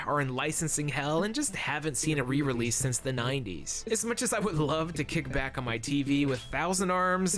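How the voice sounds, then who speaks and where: Male reviewer, young, scripted narration, wry and jokey, very lively intonation, faint music behind. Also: fairly high pitch. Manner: wry, joking asides. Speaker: video game reviewer.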